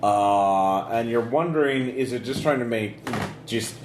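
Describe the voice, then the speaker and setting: A man improvising narration as game master of a tabletop game, talking casually and haltingly as he thinks aloud. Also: mid-range voice. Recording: echoey room with background noise.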